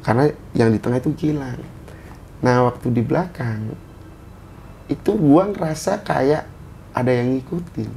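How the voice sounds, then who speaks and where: A man's voice: mid-range voice, unhurried, vocal fry, long pauses, a little mellow, a little hiss or hum. A man from Indonesia telling a story in a casual chat, in short bursts of phrases. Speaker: guest storyteller.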